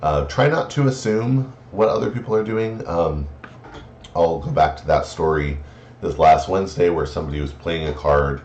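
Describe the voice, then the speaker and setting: A man's voice: sits low, normal speed, a little mellow. A man giving friendly, considerate advice in a casual instructional talk, hesitant with many fillers and restarts. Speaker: card game player giving etiquette advice. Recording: roomy, slightly muffled, faint noise.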